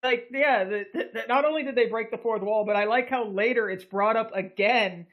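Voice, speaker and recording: A woman's voice: on the high side, moderate pace, highs cut off. A woman chatting casually as a podcast panelist, swearing freely and tripping over repeated words. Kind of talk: casual group chat.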